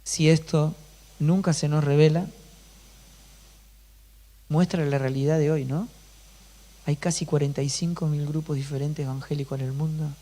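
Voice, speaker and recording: A pastor delivering an emphatic sermon, often putting rhetorical questions to the congregation. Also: male voice, a little high, fairly even intonation, moderate pace, long pauses, warm tone.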